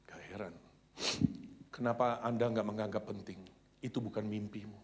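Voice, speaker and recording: A male pastor preaching a sermon dramatically, swinging between loud cries and hushed near-whispers, dropping English phrases into his talk. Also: fairly low pitch, fairly even intonation, moderate pace.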